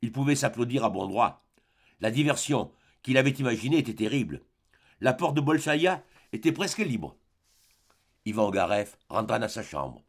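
A man giving measured, dramatic audiobook narration of a novel. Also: mid-range voice, sing-song, husky.

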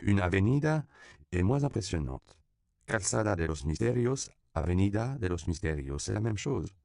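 A grieving middle-aged man talking in his sleep, murmuring and lecturing, raised in pitch over a gravelly base, as a narrator puts him on. A storybook reading, close and dry. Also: big pitch swings, moderate pace, mellow, no room sound, exaggerated voice. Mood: dreamy. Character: sad middle-aged man dreaming, tearful.

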